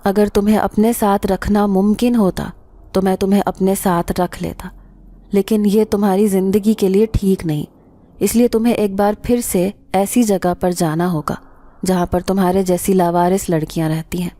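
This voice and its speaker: A woman's voice: mid-range voice, little pitch movement, warm tone, natural voice. A woman voicing a mysterious, protective young man who speaks in a grave, solemn tone in a story reading.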